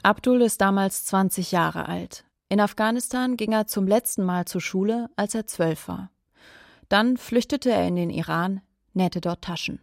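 A woman reads scripted documentary narration in a steady, mid-pitched voice. She describes places and people with pointed, clear phrasing. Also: unhurried, dry recording.

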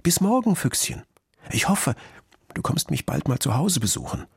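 A man voicing an eager little schoolgirl who begs sweetly and speaks up proudly, in a husky voice. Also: sing-song, moderate pace, dry recording, studio quality, exaggerated voice. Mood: warm. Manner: bright, begging, high voice.

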